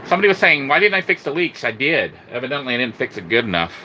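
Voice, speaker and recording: A vlogger gives a casual, rambling video walkthrough in a pushed, bright mid-range voice that's sing-song and rapid-fire. The audio is poor, with faint background noise, and he hesitates a lot, repeatedly filling gaps with "you know".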